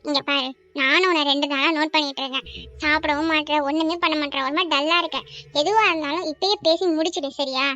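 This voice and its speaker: A frank, caring young cartoon woman who talks briskly and urges her friend on, her voice very high, as a woman plays her. The sound is muffled and lo-fi, with faint music behind. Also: fairly even intonation, pushed and bright. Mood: coaxing. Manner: brisk, advising. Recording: dull lo-fi audio with music bed.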